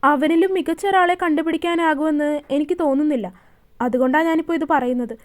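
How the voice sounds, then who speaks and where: A woman's voice: high-pitched, fast, close to an everyday voice. A woman voicing an earnest young man, reassuring and sincere in his advice. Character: earnest young man, caring elder brother figure.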